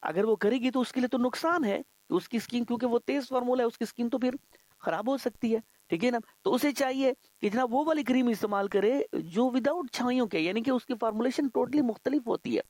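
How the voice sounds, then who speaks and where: A man hosting a radio show in a relaxed, chatty way, pitching products and often tacking on a reassuring 'all right, sir'. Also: fairly quick, no room sound. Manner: chatty, keeps adding 'theek hai janaab'. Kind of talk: casual radio talk with product promotion.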